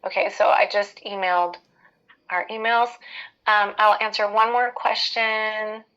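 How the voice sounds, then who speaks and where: A woman's voice: medium pitch, fairly even intonation, unhurried, bright, forceful tone, highs cut off. A woman hosting a casual live skincare Q&A, giving advice in a conversational, hesitant way as she thinks aloud.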